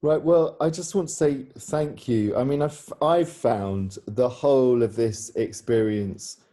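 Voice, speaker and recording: Unhurried and mellow, this medium-pitched male voice belongs to a theatre practitioner interviewing someone on a video call. His informal style is encouraging, with a somewhat rambling, hesitant quality.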